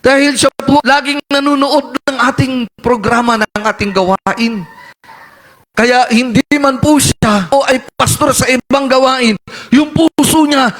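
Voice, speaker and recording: High-voiced male preacher telling a dramatic story. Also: unhurried. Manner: dramatic, keeps addressing the congregation as beloved, climbs to shouts at peaks. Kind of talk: storytelling sermon.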